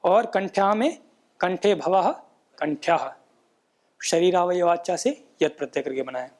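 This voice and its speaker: A man giving a patient, explanatory lesson on pronunciation, often checking in with tag questions and chanting rules in a measured recitation. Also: high-pitched, a little mellow. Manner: patient, repeats points with frequent "है ना" tag questions. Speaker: Sanskrit pronunciation teacher. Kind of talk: explanatory lecture.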